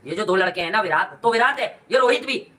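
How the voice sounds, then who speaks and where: A man talks cricket on a casual show, blunt and animated. He speaks fast in a bright, forceful voice. He sits some distance from the mic. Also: sits high. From Pakistan. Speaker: cricket commentator.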